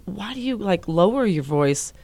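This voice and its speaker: A woman's voice: mid-range voice, animated, moderate pace, dark tone, no room sound. A woman co-hosting a radio show, talking frankly in casual conversation. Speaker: radio co-host.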